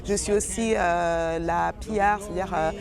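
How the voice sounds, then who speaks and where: A woman's voice: on the low side, steady tone, a little slow, creaky, music in the background. A woman from French Guiana, a media entrepreneur, answering interview questions at a festival with frequent hesitations. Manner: fluent, many fillers. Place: outdoors at a busy festival. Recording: crowd noise outdoors.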